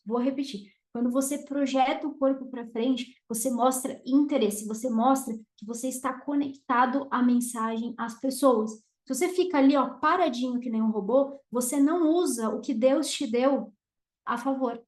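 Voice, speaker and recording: High-voiced brazilian woman teaching, roomy echo. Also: darkish tone. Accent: Brazilian Portuguese. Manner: emphatic, varies volume and pauses on purpose. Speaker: communication mentor. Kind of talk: energetic teaching to camera.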